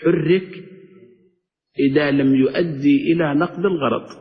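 A man's voice: fairly high pitch, fairly even intonation, moderate pace, in a large hall, muffled recording. A man, a sheikh teaching a grammar lesson, quizzing his students and drawing out his recited examples. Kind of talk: classroom lesson explaining a text.

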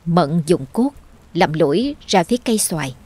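A woman narrating a dark ghost story dramatically, voicing all the characters herself. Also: on the low side, expressive, moderate pace.

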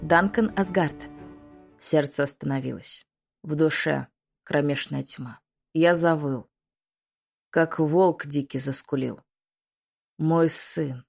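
Audiobook narrator: woman, low-pitched, somber and measured first-person reading. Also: creaky, darkish tone, slightly rough, faint music behind.

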